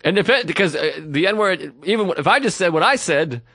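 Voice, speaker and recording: A man's voice: high voice, expressive, fairly quick, sharp tone, breathy edge, no echo, studio quality. A man co-hosting a podcast, telling stories in a rambling, casual comedic way and acting out what people said. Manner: rambling storytelling, acts out quotes. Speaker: podcast co-host.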